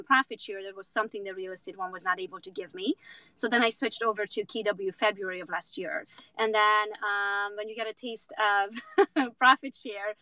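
A woman's voice: mid-range voice, pushed and bright, dry recording, poor audio. A woman from Romania, a real estate agent in her thirties, talking outspokenly and with jokes as a guest in a casual interview. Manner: outspoken, confident, joking.

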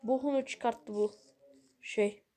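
A woman's voice: fairly high pitch, steady tone, slow pace, dark tone, a little hiss or hum. A woman giving casual let's-play commentary, exasperated and grumbling at the game while talking straight to her viewers. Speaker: gaming video creator.

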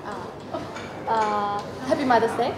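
A young woman in her twenties answering questions softly and shyly in a cafe. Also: on the high side, slow, a crowd in the background, rough recording. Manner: soft-spoken, laughs shyly. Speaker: cafe guest being interviewed. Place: indoor cafe.

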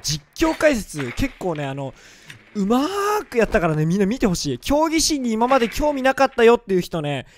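A man with a hoarse, strained voice talks over a game, excitable and joking at his own expense. His voice sits high and swings up and down a lot. A faint hiss runs underneath. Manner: excitable, joking, self-mocking. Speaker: gaming video creator. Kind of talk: gameplay commentary.

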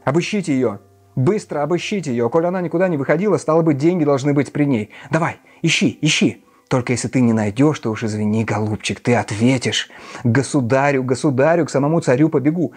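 A man reading an audiobook, voicing a desperate, sick widow who shouts hoarsely and pleads. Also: fast talker, faint music behind, lightly acted. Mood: frantic demanding. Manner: high, pleading, pushy. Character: frantic consumptive widow, shrill and desperate.

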